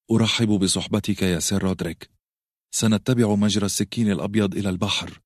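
A man's voice: lowish voice, a little mellow, no echo, clean studio sound, natural voice. A man voicing a resolute noblewoman who speaks firmly and decisively. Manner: firm, decisive. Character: resolute noblewoman mother, firm.

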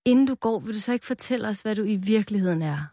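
A woman's voice: mid-range voice, expressive, warm tone, no room sound, studio quality, natural voice. A woman voicing the oldest strawberry on a cake, a kindly old figure who calls others "my friend". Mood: eager. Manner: slow, fatherly "my friend". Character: old wise male strawberry, kindly and curious.

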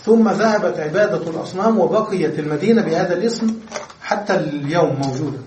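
High-voiced male teacher in an echoey room. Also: fast talker, a little mellow, slight background noise. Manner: explains step by step, often checks understanding with questions. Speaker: Arabic grammar teacher. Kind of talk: classroom lecture. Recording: echoey room, voice far from the mic.

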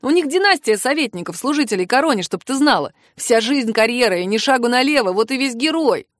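A cheeky young prince stuck in a woman's body, as a woman reader plays him, mocks and teases those around him. The voice stays bright and fairly high, recorded close and dry. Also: lively intonation, brisk, no echo, lightly acted. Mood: mocking. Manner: teasing, mocking.

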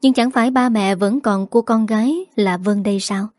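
A woman narrating a story in a steady, earnest storytelling voice. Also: medium pitch, normal speed, no echo, clean studio sound.

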